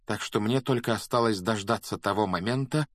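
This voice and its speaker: A man's voice: fairly low pitch, a little fast, close to an everyday voice. A man voicing a frightened, agitated schoolboy in a storybook reading, speaking in a tense, urgent way.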